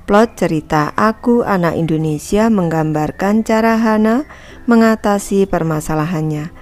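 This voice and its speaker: A woman teacher reads a textbook lesson aloud to schoolchildren, patiently explaining each part and addressing the class directly. She refers to herself as Ibu and calls the pupils anak-anak. Her voice is medium in pitch and darkish, at a moderate pace.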